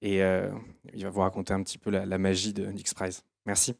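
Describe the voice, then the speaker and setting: A man hosting an event, giving an informal introduction in a hesitant, halting way. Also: low-pitched, completely flat delivery, creaky, no room sound, studio quality. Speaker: event host introducing a speaker.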